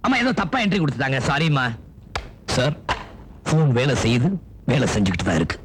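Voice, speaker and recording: A man's voice: mid-range voice, very animated, quick pace, noisy background, close to an everyday voice. An actor playing an earnest newspaper reporter in a 1990s film, persuasive with his boss and polite with strangers. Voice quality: earnest, persuasive, playful with a child.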